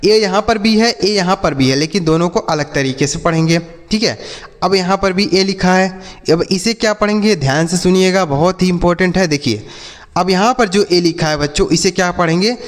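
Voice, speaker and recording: High-voiced man teaching English phonics. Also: in a large hall. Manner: repeats questions to the class and answers them himself; spells words out slowly letter by letter. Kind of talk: classroom lesson.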